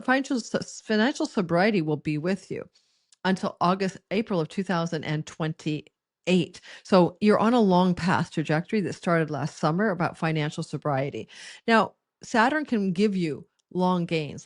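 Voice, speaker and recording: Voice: mid-range voice, no echo, studio quality. An astrologer giving a forecast monologue in a rambling, conversational way, with frequent restarts and asides.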